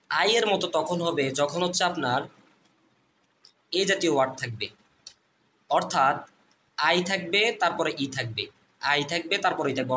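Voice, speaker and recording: A man teaching English reading online, repeating letter sounds slowly and addressing viewers as friends. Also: a little high, sharp tone, slight background noise. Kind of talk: phonics lesson.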